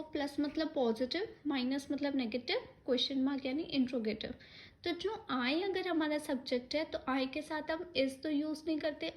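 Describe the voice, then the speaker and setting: A woman's voice: sits high, lo-fi sound. A woman teaching an English grammar lesson for exam preparation, explaining step by step and often checking in with her students.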